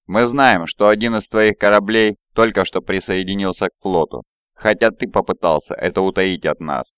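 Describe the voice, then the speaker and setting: Growling threatening warrior captain, read by a man, deep clear voice. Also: moderate pace, a bit bright, no echo, clean studio sound. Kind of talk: audiobook character voice.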